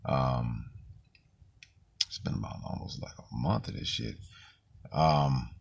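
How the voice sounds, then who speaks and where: A man talking casually in a loose, slangy monologue, his voice deepened and roughened by the flu. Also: big pitch swings, takes it slowly, dull audio. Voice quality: very deep, gravelly voice. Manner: loose, street-slang talk with frequent fillers and swearing. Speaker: vlogger.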